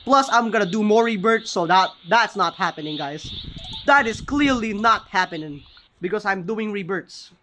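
A man giving casual, excited gameplay commentary, often stopping to correct his own words. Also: high-pitched, normal speed, a little hiss or hum. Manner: excited, often corrects himself mid-sentence. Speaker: gaming channel host.

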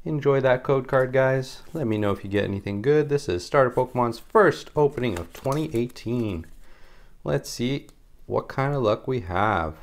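A man's voice: mid-range voice, expressive, moderate pace. Casual, chatty man hosting a giveaway vlog. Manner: chatty, addresses viewers as "guys", repeats phrases. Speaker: YouTube host of a trading card channel. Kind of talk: casual upbeat card-opening and giveaway vlog.

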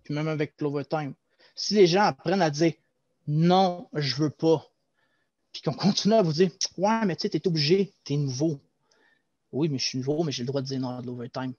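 Speaking at a moderate pace in a slightly high voice, the guest is a young man with a Québécois French accent who once worked in loss prevention. He's animated and explanatory, gesturing while he goes on at length in a casual video-call interview. He uses a headset in a small home room, with no room sound and dull lo-fi audio.

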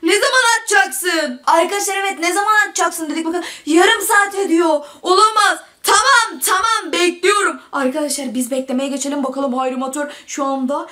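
A woman YouTuber narrating a dramatic kids' channel vlog in an excitable, theatrical way, keeps talking straight to her viewers. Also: very high voice, brisk, few pauses.

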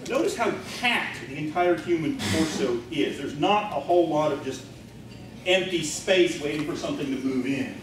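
A man's voice: on the high side, animated, normal speed, very echoey, background noise. A man giving a blunt, matter-of-fact keynote lecture with demonstrations in a large hotel meeting room, recorded by a far camera. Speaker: keynote speaker. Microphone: far camera, no visible mic.

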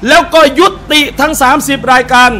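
A man's voice: extremely high pitch, steady tone, brisk, sharp tone, slight background noise. A man preaching a sermon to a live audience, telling personal anecdotes and calling out to his listeners as brothers and sisters. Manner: tells personal anecdotes and acts out short quotes. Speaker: Islamic religious teacher. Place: restaurant hall with a live audience.

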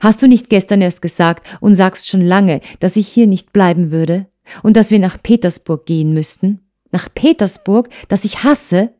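A woman voicing a hurt young wife who pleads and reproaches her husband with urgency, in a mellow tone. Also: lowish voice, unhurried. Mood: reproachful.

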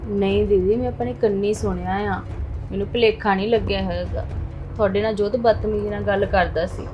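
A woman playing a younger woman of the family who gently gives advice. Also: mid-range voice, steady tone, a little fast, lo-fi sound, soft background music, close to an everyday voice. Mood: worried. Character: caring younger woman of the household, advising gently.

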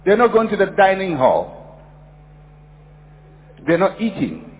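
A man from Ghana delivers an emphatic sermon, repeating key lines and telling stories from his own life. His voice sits fairly high for a man. The sound is thin and phone-like, with a long reverb trailing behind him. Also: wildly swooping pitch, slow pace. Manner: emphatic, repetitive, storytelling. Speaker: preacher. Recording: phone-like audio in a reverberant hall.

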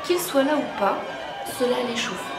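A woman librarian reading a children's story aloud in a slow, expressive, animated way. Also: high-pitched, over a noisy crowd. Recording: roomy echo with music behind.

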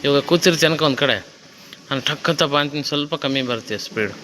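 A man's voice: fairly high pitch, quick pace, pushed and bright, slight background noise, rough recording. A male fitness trainer coaching a client through a gym workout, encouraging her, counting reps and cueing her breathing.

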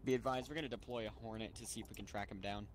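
A man's voice: on the low side, fairly even intonation, rapid-fire, slight background noise. A man organizing a game mission in casual voice chat, giving orders and briefing his squad.

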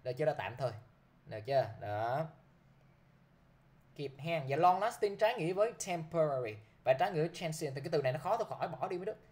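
A man's voice: on the high side, expressive, quick pace, a little mellow. A man teaching English vocabulary to a class, who keeps checking with his students by repeating a short prompt.

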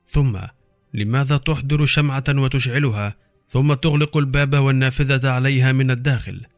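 A man's voice: medium pitch, steady tone, fairly quick, dry recording, faint music behind, natural voice. A man voicing an experienced, sceptical, impatient forensic doctor in an audiobook horror story. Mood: questioning, sceptical. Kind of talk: audiobook character acting.

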